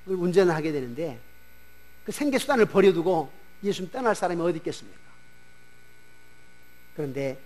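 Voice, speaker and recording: Animated high-voiced male pastor preaching. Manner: animated preaching, voices disciples and dialect speakers. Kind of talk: Sunday sermon. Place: church sanctuary.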